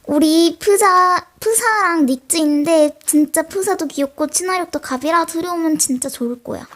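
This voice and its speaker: A woman's voice: extremely high pitch, normal speed, a bit bright. A teenage girl with a mild sore throat, playing a livestreamer who chats with and scolds imagined viewers in a scripted role-play. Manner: talks straight to imagined chat viewers, scolding and chatty. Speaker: solo role-play creator.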